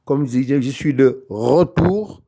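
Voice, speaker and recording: Slow, patient male recitation teacher. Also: medium pitch, mellow. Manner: patient, repeats each letter sound slowly. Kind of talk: slow online lesson.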